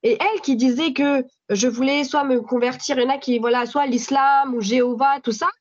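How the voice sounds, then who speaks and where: A woman with a French accent giving a spontaneous spoken testimony at a church meeting, animated storytelling with frequent restarts. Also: high voice, fairly quick. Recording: slightly dull audio recording.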